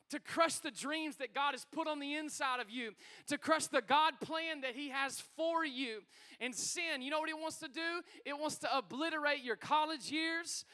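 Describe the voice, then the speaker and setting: Guy pastor preaching, high bright voice, pumped up, keeps asking the church to answer. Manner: energetic, calls out to the congregation. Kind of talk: sermon. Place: church hall.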